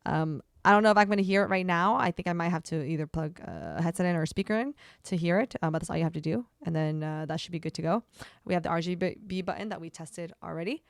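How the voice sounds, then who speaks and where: A woman's voice: lowish voice, expressive, quick pace, vocal fry, no echo, clean studio sound. A young woman, a streamer, chatting through a casual product review with lots of fillers and an upbeat manner. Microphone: desk microphone.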